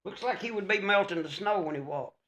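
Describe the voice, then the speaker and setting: A man with a drawl co-hosts a casual podcast, telling folksy stories and cracking jokes. His voice sits high and sounds bright and sharp. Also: a little fast. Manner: folksy drawl, teasing wisecracks, double negatives. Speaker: podcast co-host. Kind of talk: casual chat, storytelling.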